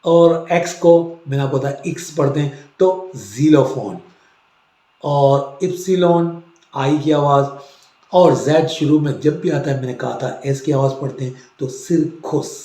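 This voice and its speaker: A man teaching a language lesson, explaining slowly and repeating each word for drilling. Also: on the high side, animated, mellow, echoey room. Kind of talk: classroom-style language lesson.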